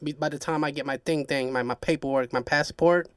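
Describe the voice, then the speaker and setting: A man's voice: a little high, steady tone, a little fast, smooth, no echo, clean studio sound. A man in casual podcast chat, easygoing, slightly nasal, often restarting his words. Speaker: podcast co-host.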